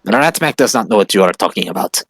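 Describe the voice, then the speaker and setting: A man's voice: fairly low pitch, expressive, fast talker, no echo. A man voicing a small, sly rat creature that speaks in broken grammar and in the third person. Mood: insistent.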